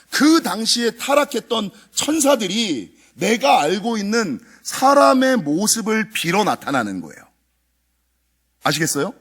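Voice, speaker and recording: A middle-aged male pastor preaching at a dawn prayer meeting, telling a story with animated delivery and acting out the dialogue. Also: sits high, breathy edge. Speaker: senior pastor.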